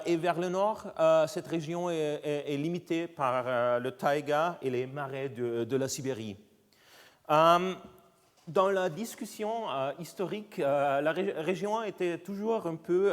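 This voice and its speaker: Halting man lecturing in foreign-accented French. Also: on the high side. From Austria. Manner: halting, searching for words in a non-native language. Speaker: visiting scientist giving a guest lecture. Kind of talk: academic lecture. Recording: lecture hall with long reverb.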